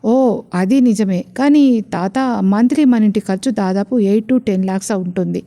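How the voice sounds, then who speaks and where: A woman voicing a playful, charming young husband in a storybook romance, with lively, teasing talk. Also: mid-range voice, normal speed, lightly acted.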